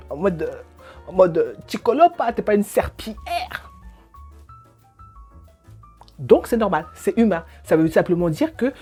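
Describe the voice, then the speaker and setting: Divorce coach lady, middle-aged, husky voice, talks casual and animated. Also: mid-range voice. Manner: expressive, colloquial, acts out scenes. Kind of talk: personal story and advice to viewer.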